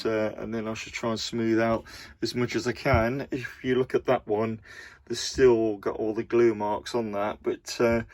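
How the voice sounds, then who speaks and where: A man with a Birmingham accent chats easily through his hobby project, filling pauses with ums and uhs. His voice sits at a middling pitch, and he talks from a room at home. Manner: relaxed, many ums and uhs. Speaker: hobby model builder. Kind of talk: casual video diary.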